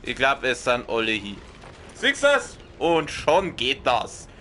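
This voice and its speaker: A man with a Bavarian accent doing excited, swearing let's play commentary on a horror game, often yelling and yelping. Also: mid-range voice, slow pace, a little hiss or hum.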